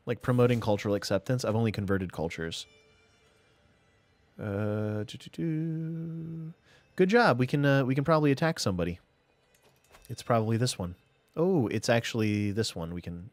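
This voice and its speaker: A gaming streamer with a lowish, darkish voice casually comments on his live strategy gameplay, thinking out loud for himself and his viewers. The recording has no room sound.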